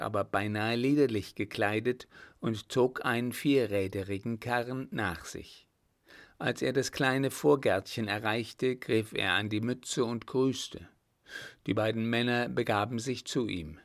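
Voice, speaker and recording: A man reading a story aloud as narrator in a measured, even manner. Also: lowish voice. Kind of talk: audiobook narration.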